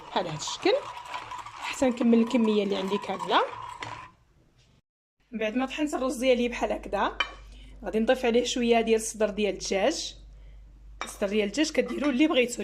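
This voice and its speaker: A Moroccan-accented woman hosts a home cooking tutorial, talking fast and chatty as she explains every step. Her voice sits a little high, and a faint hum of background noise runs under the recording. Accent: Moroccan Arabic. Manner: chatty, explains each step while working. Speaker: cooking channel host.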